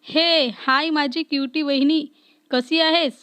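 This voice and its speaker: A woman's voice: high-pitched, fairly even intonation, fairly bright tone. Woman voicing a strict, teasing young officer. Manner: teasing, quick to scold. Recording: dull lo-fi recording.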